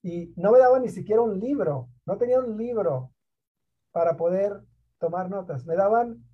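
A middle-aged man from Mexico, a guest on a talk program, telling his story in an animated, emphatic way and dropping in English words. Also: sits high, normal speed, husky. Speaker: guest, school district program director. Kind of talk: conversational interview storytelling. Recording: dull lo-fi online call audio.

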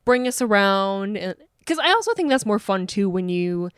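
A woman's voice: medium pitch, very animated, normal speed, clean tone, no room sound, clean studio sound. An American woman co-hosting a podcast, in casual chat full of teasing, laughing banter. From United States. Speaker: podcast co-host.

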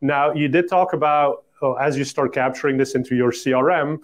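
A man hosting a casual podcast chat. He fires off questions in a curious, quick way and trails through fillers as he thinks. His voice sits in an ordinary middle pitch. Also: fairly even intonation. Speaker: podcast host.

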